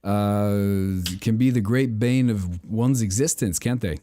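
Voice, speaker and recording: A man co-hosting a casual chat about acting, talking in a playful, animated way and often repeating himself. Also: fairly low pitch, takes it slowly, no echo, clean studio sound. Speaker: co-host.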